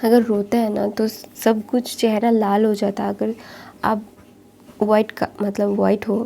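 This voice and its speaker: A woman's voice: medium pitch, monotone, measured pace, creaky, mellow, a little hiss or hum. A woman casually retelling a fan fiction story aloud in a chatty, loose style full of filler words.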